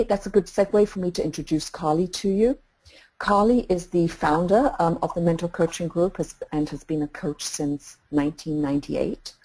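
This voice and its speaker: A middle-aged woman from England, a coach introducing a webinar, talking in a measured way with frequent fillers and restarts. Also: sits low, warm tone, husky, poor audio. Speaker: executive coach and webinar co-host.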